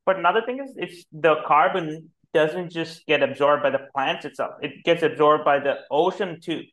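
A man's voice: on the high side, normal speed, fairly bright tone, dull audio. Man arguing with many fillers. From India. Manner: hesitant, full of fillers, argumentative. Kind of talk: casual discussion.

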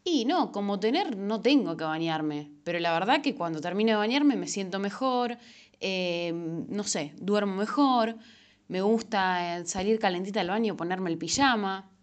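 A woman's voice: medium pitch, moderate pace. Chatty Rioplatense woman giving advice. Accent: Rioplatense Spanish. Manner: chatty, animated, frequent fillers and self-corrections. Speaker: self-help vlogger. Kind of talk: casual advice monologue.

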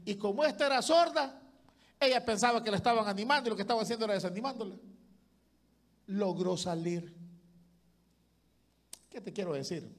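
A man preaching. He delivers an impassioned sermon as pastor, rising to loud calls and dropping to hushed asides. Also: high voice.

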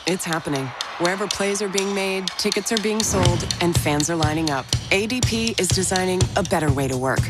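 A woman's voice: lowish voice, brisk, few pauses, over loud music. A woman reading scripted corporate advert narration.

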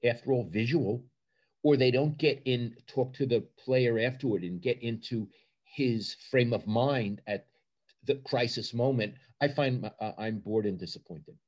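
A man's voice: mid-range voice, measured pace, darkish tone. An older man with a Brooklyn accent answering interview questions as a sports journalist, with emphatic repetition and short punchy phrases.

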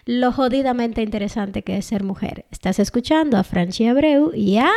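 A woman's voice: a little high, normal speed, a little mellow. A woman co-hosting a chatty, playful podcast conversation. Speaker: podcast co-host. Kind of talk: casual chat.

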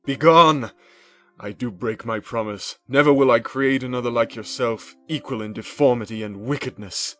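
A man's voice: mid-range voice, moderate pace, voice pushed up, lightly acted. A man reading as a furious defiant scientist. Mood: defiant fury. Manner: forceful, raised declamation. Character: defiant young male scientist, furious and resolute. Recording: music bed underneath.

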